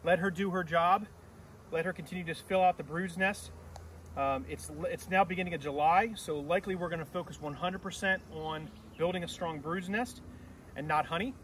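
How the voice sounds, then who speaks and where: A man's voice: on the high side, moderate pace, fairly bright tone, slight background noise. Beekeeper man explaining outdoors, slightly distant. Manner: plain step-by-step explaining while working. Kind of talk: hands-on teaching demonstration. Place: outdoor apiary on a grassy yard. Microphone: camera mic a few steps away. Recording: distant outdoor camera audio.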